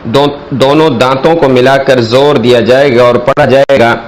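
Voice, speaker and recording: Here a man's steady, medium-pitched voice leads a slow alphabet reading lesson on a rough recording. He explains every letter and deliberately elongates each sound.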